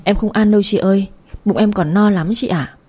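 A woman's voice: mid-range voice, fairly quick, warm tone, breathy edge, lightly acted. A woman voicing a young woman grieving the loss of her baby, pleading and tearful, in an audio story. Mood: listless. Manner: sobbing, pleading.

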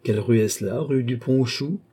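A man voicing a lively noblewoman of about thirty who gives brisk, commanding orders. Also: medium pitch, slightly rough, natural voice. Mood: flustered. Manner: brisk, imperious questions.

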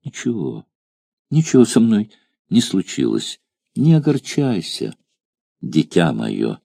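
A man's voice: extremely low pitch, very animated, moderate pace, vocal fry, warm tone, dry recording, voice pushed down, full character voice. A man reading an audiobook, voicing a grieving noble Roman mother who speaks with tearful, pleading tenderness. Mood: grieving tender.

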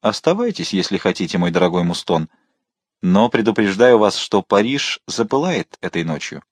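A man playing a bold, witty young musketeer officer who talks quickly and confidently, with a mocking edge. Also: low voice, very animated, no echo.

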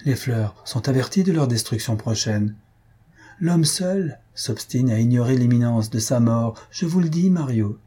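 A man's voice: mid-range voice, animated, unhurried, dark tone, breathy edge. A man reading an audiobook, voicing a weary, melancholy noblewoman who longs to leave the world, in a sorrowful, earnest tone.

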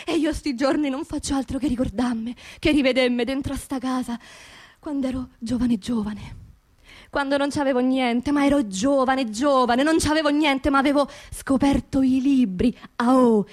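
A stage actress performs her own monologue as a theatrical radio piece, telling a story in a high voice with a Roman accent. Her language is colloquial and earthy, delivered at normal speed with a slightly mellow tone, and she stresses words and phrases by repeating them again and again.

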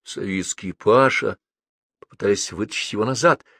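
A man reading an audiobook in a lively, dramatic narration style. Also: lowish voice, normal speed, vocal fry, no room sound, studio quality. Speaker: audiobook reader.

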